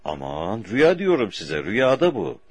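A man's voice: lowish voice, wildly swooping pitch, moderate pace, no room sound. A man reading an audiobook, voicing an insistent, exasperated woman artist who recounts a dream.

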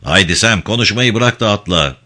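A man's voice: lowish voice, lively intonation, moderate pace, bright, forceful tone. A man voicing a determined male rescuer who urgently directs a trapped woman.

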